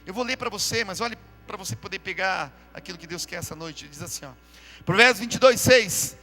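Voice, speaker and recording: A man preaching, his voice very high and piercingly bright. He speaks fervently to a church congregation and keeps drawing them in to repeat his words, while soft music plays underneath. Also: brisk. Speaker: pastor. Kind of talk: sermon. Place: church during a live service.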